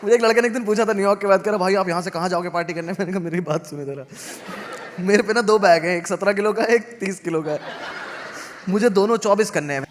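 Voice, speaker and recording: A young man works a live crowd with quick, chatty stand-up, his voice sitting very high for a man. He delivers sardonic stories and jumps into loud bursts. The live recording has noticeable noise under it. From India. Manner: conversational, sardonic storytelling with sudden loud outbursts. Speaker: stand-up comedian. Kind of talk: stand-up comedy with crowd work. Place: live comedy venue with audience laughter. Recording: noisy live show recording.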